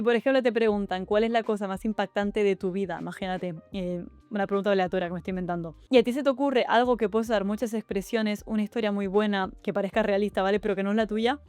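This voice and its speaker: A woman's voice: mid-range voice, a little mellow, clean tone. A young Spanish woman with a Spanish accent, giving chatty, upbeat exam advice in a casual vlog. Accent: Spanish (Spain). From Spain. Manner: chatty and upbeat, with quick asides to the viewer. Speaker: YouTuber giving study-abroad and exam advice. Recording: faint music behind the voice.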